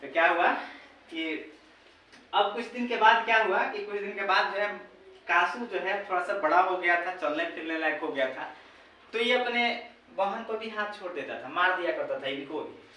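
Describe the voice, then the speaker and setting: Chatting through a story for his students, a male teacher repeats himself and keeps checking in with them. He speaks at normal speed in a high-pitched, sharp voice, captured from a distance in a very echoey room with faint background noise.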